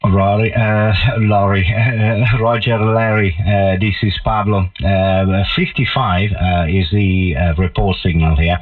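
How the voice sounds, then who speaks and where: A man with an Italian accent talking as an amateur radio operator over a radio link, in halting phrases with many pauses. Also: sits low, steady tone. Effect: radio transmission. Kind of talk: ham radio contact talk. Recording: tinny narrow-band radio sound.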